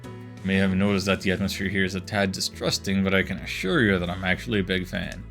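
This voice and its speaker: A man voicing a smooth, flattering male city mayor with a genteel, theatrical manner. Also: low-pitched, quick pace, faint music behind, voice pushed down. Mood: charming.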